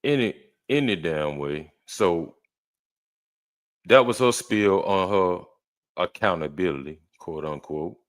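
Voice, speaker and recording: Blunt, deep-voiced man reacting to clips. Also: animated, slow, no echo. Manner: blunt, heated, talks back to clips. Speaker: reaction host. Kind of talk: reaction commentary.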